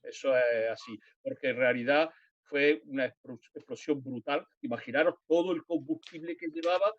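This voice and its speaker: A man's voice: medium pitch, normal speed, no echo. A man on a live science panel, explaining technical details step by step. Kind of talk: live stream panel talk. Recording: dull, dry sound.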